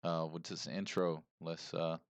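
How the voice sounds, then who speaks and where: Low-voiced man on livestream headset audio. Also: flat delivery, a little slow, clear, resonant tone, dry recording. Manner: chatty and rambling, greets viewers by name. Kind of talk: casual livestream chat with viewers. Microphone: close streaming mic.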